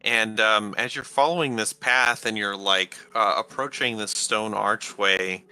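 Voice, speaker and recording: A man running a tabletop game as game master, narrating in a halting way full of fillers and restarts. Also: on the low side, steady tone, pushed and bright, clean tone, faint music behind.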